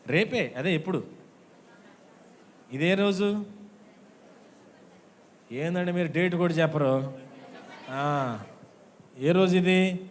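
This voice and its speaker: A man pastor with an Andhra Telugu accent, preaching at a watch night church service, calling out questions to the congregation and acting out the voices he quotes. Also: on the high side. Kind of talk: sermon.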